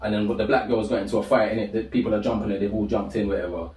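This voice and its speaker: Lively young man, roomy far mic. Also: on the low side, very fast. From Britain. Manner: animated, heavy slang, rises sharply when telling stories. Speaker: podcast co-host. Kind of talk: casual chat.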